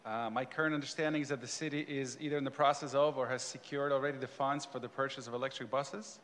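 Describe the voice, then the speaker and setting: A man giving a prepared, formal business pitch as public comment at a meeting. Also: steady tone, fast talker, fairly bright tone. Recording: echoey chamber with background noise.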